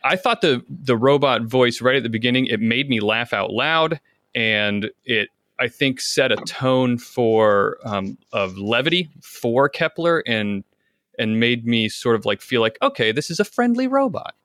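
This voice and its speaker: A man giving warm, enthusiastic feedback as a judge on a podcast contest, laughing as he talks. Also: medium pitch, unhurried, no echo, studio quality. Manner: enthusiastic, laughs while talking. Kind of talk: casual critique.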